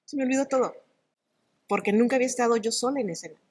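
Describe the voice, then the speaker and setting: A middle-aged woman, an actress and oral storyteller, talking in an interview in an animated, expressive way. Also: fairly high pitch, rapid-fire, husky. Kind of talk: conversational interview.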